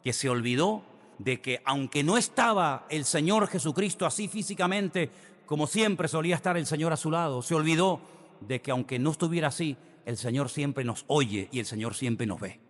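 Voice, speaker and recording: Pastor preaching in an echoing hall. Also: male voice, fairly high pitch, moderate pace. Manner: animated storytelling, shifting between hushed and emphatic. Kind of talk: sermon. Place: church hall. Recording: reverberant church hall.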